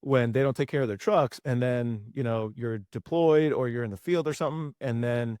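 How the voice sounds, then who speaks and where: A man's voice: medium pitch, normal speed, dry recording, studio quality. A young man, a former military mechanic, telling stories in casual podcast chat, swearing freely. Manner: profane, animated storytelling.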